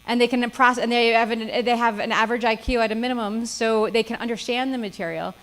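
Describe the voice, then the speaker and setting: A woman's voice: a little high, fairly even intonation, fast talker, a bit bright, low-quality recording. Woman lecturing, checking in with "okay?". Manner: frequent "okay?" check-ins, dry sarcasm. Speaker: special education lawyer giving a seminar. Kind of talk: seminar lecture. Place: seminar room.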